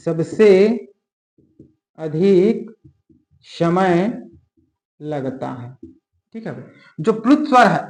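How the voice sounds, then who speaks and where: A man teaching an exam-prep grammar lesson, stretching key terms out word by word and checking in with the class constantly. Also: high voice. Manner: drawls key terms slowly word by word, adds frequent check-ins. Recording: echoey room.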